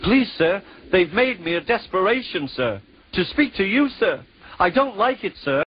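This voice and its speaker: A man's voice: fairly high pitch, very animated, moderate pace, slightly rough, pitched above the performer's own voice, heavily acted. Man doing a timid stammering little engine. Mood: nervous. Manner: stammering, anxious, overly polite. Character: small timid young male engine, nervous. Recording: dull lo-fi with music.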